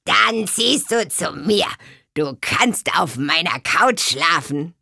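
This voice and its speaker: A woman voicing an old female swamp witch with a croaky voice, speaking slowly and calling out in a storybook reading. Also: fairly low pitch, expressive, bright, forceful tone, dry recording, studio quality, exaggerated voice. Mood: kindly.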